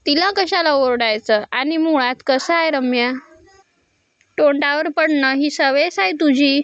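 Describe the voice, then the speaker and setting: A woman voicing a scheming young woman who mocks a rival in a slow, sugary tone. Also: high voice, a bit bright, no room sound, highs cut off. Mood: snapping.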